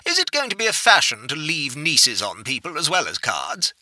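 A man's voice: fairly high pitch, wildly swooping pitch, moderate pace, sharp tone, no echo, pitched above the performer's own voice, exaggerated voice. A man voicing a droll aristocratic lord who answers with dry, teasing irony. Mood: drily teasing. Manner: drily ironic.

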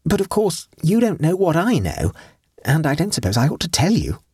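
Reading an audiobook, a man voices a mischievous, fanciful sixteen-year-old girl, airy and conspiratorial with a teasing mood. He pitches a little high, above his own natural voice, in a full character performance with huge pitch swings, a moderate pace and a darkish, husky tone. The recording is dry and studio quality.

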